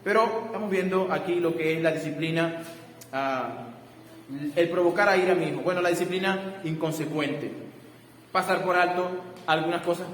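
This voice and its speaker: A man preaching a sermon as pastor in an animated way, recorded in a church. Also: high-pitched. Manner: animated preaching, acting out short quoted exchanges. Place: church sanctuary. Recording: echoey church hall, faint background noise.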